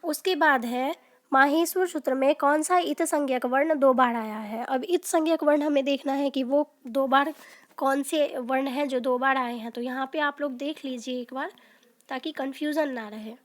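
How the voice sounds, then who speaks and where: Speaking at a normal speed in a high voice, this Sanskrit teacher works through a quiz lesson, breaking down every answer step by step and frequently checking on her students.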